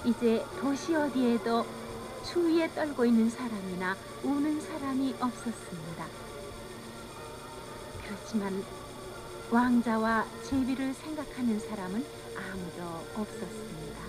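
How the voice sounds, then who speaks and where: A woman reading scripted children's storybook narration in a measured, earnest manner on an old cassette. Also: a little high, lively intonation, low-quality recording. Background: music.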